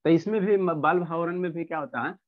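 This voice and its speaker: A man's voice: fairly high pitch, fairly quick. Teacher, male, online class over a dull video call line, asks and answers his own questions, drills each point.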